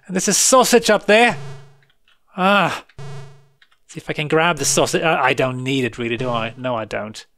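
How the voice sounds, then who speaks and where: Slow, bright-voiced man grumbling over gameplay. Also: on the high side, slight background noise. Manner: exasperated, sarcastic grumbling with frequent laughs. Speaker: retro gaming video host. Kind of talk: live gameplay commentary.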